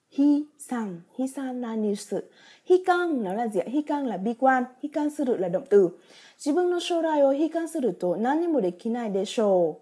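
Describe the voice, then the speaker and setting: Husky higher-pitched woman teaching. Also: warm tone. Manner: patient, keeps asking rhetorical check questions; reads example sentences then explains them. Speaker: Japanese teacher. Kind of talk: kanji vocabulary lesson.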